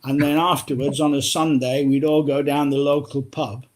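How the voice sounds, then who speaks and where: An older man talks as a guest on a football phone-in, rambling warmly through old stories and laughing often. His voice sits a little higher than most men's. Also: flat delivery, normal speed. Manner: chatty, anecdotal, laughs often. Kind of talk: casual phone-in chat.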